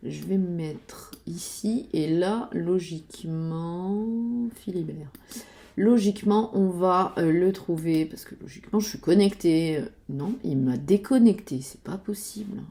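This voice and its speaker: A woman's voice: lowish voice, a little slow, warm tone. A woman chatting casually about board games while searching websites, hesitating with many fillers and muttering to herself. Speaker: board game youtuber.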